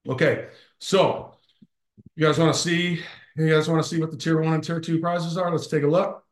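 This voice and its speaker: A man's voice: fairly high pitch, steady tone, normal speed, roomy sound. A man hosting a company video call, enthusiastic and chatty, joking with many fillers, speaking into a computer mic. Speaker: host of a company team call. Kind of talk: upbeat live video call presentation.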